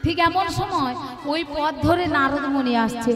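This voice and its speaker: High-voiced kirtan storyteller woman, echoey hall. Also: a little slow. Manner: lively, talks to the audience, switches between speech and song. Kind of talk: devotional kirtan storytelling with song. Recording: echoey hall with loud music.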